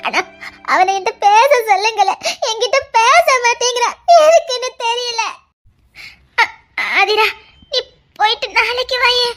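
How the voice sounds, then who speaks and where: Woman doing a heartbroken young lover, Tirunelveli accent, tearful pleading, very high voice. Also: pushed and bright, exaggerated voice. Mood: hurt, confused. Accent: Tirunelveli Tamil. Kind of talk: comedy skit drama.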